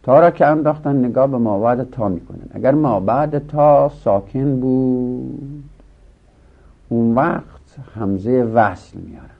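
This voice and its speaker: A man's voice: medium pitch, lively intonation, creaky. A man teaching Arabic grammar in a lecture, explaining each rule step by step and answering his own questions. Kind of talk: classroom lecture. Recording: dull lo-fi recording.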